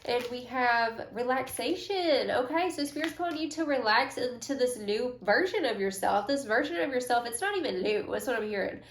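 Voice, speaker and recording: A woman's voice: a little high, animated, moderate pace, hardly any pauses, reverberant, a little hiss or hum. A young woman giving a casual, slangy, affirming tarot reading to her viewers. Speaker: tarot reader.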